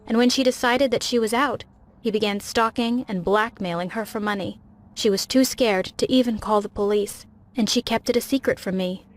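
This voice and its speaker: A woman voicing a grieving middle-aged father who confesses in a shaky, remorseful way, as part of a read-aloud animated story. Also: on the high side, close to an everyday voice.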